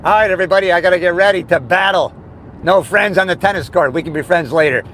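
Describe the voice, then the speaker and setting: A man's voice: sits high, fast. A man giving an upbeat, emphatic motivational chat to his audience while driving. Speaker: motivational vlogger. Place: inside a moving car. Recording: steady car and road noise. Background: car and road noise.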